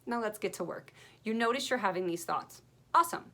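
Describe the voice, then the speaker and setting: Woman coach doing a motivational talk, laughs at herself a lot, pretty blunt, mid pitch. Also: brisk, a bit bright. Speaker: self-help coach.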